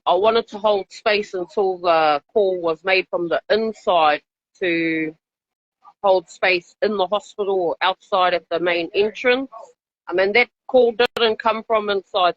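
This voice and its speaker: Speaking live by call from outside a hospital, a New Zealand-accented woman activist gives an earnest, informal interview. Her voice is medium-pitched with no room sound, though the live stream audio is dull and lo-fi.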